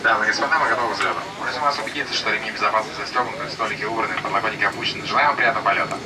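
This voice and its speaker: A male flight attendant reading formal safety announcements over a plane's cabin loudspeaker. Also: racing. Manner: formal, recited delivery. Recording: distant cabin speaker with engine rumble.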